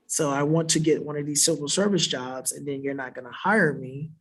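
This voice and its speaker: This male panelist from South Florida speaks a little fast with a somewhat high pitch, fairly even intonation, a fairly bright tone, and a breathy edge. Answering audience questions off the cuff in a church worship center, he explains earnestly and keeps checking in with the room by adding "right?" to his points.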